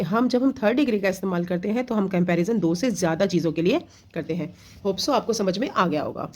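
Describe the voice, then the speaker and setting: A woman teacher with a medium-pitched, darkish voice gives children an exam-prep grammar lesson. She explains patiently, step by step, in a mix of Hindi and English, and often poses a question only to answer it herself.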